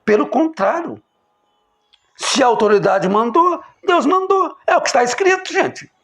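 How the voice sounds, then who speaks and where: A man preaching an impassioned sermon, emphatic, swinging between loud exclamations and low, quiet lines. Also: expressive, measured pace.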